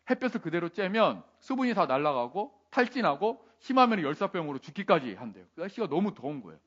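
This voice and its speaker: A man's voice: high-pitched, lo-fi sound. A male pastor telling a Bible story in a playful sermon, asking the listeners questions. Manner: animated, playful questions to the audience.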